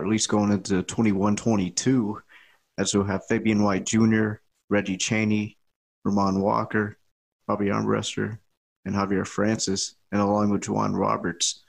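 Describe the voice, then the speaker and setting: Lowish-voiced man hosting a sports podcast. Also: little pitch movement, normal speed, vocal fry, breathy edge. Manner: upbeat scripted intro, then plain questions. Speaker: podcast host. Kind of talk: casual sports podcast chat.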